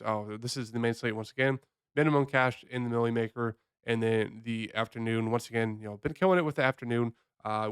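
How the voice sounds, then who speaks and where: Male fantasy sports host, under the weather, mid-range pitch, loose conversational delivery, dry recording. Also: a bit bright, clean tone, dry recording. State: sick-sounding voice. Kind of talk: casual fantasy football picks breakdown.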